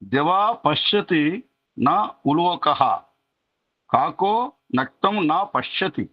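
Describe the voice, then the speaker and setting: A man in a class reading a commentary aloud, reciting verses slowly and carefully. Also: on the high side, lively intonation, no echo, dull audio.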